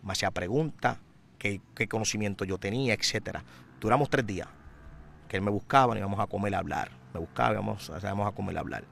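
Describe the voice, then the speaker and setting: A man giving a personal testimony in an interview, a vivid, dramatic storyteller who grows louder and more intense. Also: fairly low pitch, fast, vocal fry, slight background noise.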